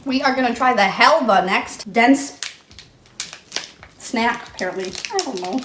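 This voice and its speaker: Young female vlogger, upbeat and chatty, slightly higher voice, faint hiss behind. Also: measured pace, a bit bright. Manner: chatty and upbeat, fussing over a child. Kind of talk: casual snack taste-test vlog. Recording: echoey room, faint noise.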